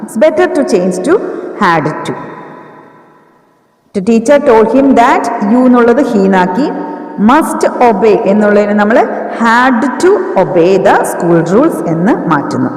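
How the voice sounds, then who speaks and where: Woman grammar teacher, unhurried and animated, heard from across a reverberant room. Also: fairly high pitch, soft background music. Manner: mixes Malayalam explanation with slow, spelled-out English dictation. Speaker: English teacher. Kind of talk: grammar lesson, dictating example sentences slowly. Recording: echoey room, voice from a distance.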